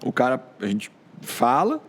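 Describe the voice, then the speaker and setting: A middle-aged man with a Rio Grande do Sul accent, a sports journalist telling stories in an animated, colloquial way on a podcast. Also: mid-range voice, measured pace, slightly rough. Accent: Rio Grande do Sul Portuguese. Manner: animated, colloquial, with frequent filler tags. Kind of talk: casual podcast storytelling.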